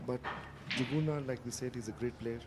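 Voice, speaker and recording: A man's voice: medium pitch, fairly even intonation, brisk. A man giving live darts commentary as one of a pair of commentators. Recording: clearly noisy live event sound.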